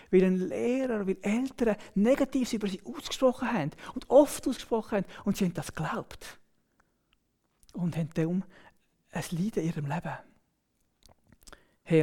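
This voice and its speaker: A woman with a Swiss German accent, preaching a sermon emphatically, with exclaimed interjections and hushed, near-whispered phrases. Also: medium pitch. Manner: emphatic, with exclaimed "wow" and "hey"; drops to a near whisper at times.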